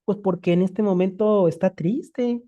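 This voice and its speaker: Very dark-voiced Mexican Spanish lecturer. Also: mid-range voice, a little slow. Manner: explains with rhetorical questions and everyday examples. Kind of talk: conversational lecture. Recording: dull lo-fi recording.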